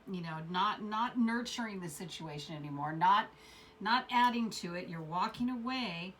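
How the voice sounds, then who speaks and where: Casting: woman tarot reader, mid pitch, loose rambling delivery full of fillers, faint noise behind. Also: a bit bright, recorded from a distance. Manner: rambling, repeats words, many fillers. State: coughing fits. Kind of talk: casual tarot reading to camera.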